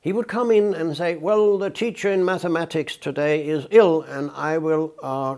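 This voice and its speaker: A man's voice: on the high side, fairly even intonation, moderate pace, darkish tone. An older man from Denmark, giving outspoken, emphatic interview answers as a guest. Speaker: interview guest, peace researcher.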